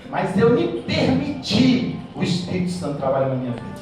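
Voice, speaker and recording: Brazilian man, high voice, pastor preaching to couples, lively back-and-forth with the crowd, far from the mic in a very echoey hall. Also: moderate pace, soft background music. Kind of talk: sermon to couples.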